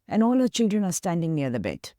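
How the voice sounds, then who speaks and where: A woman's voice: on the low side, big pitch swings, quick pace, mellow, no room sound, studio quality. A woman with an Indian English accent, an activist guest earnestly retelling a story in an interview and voicing its dialogue.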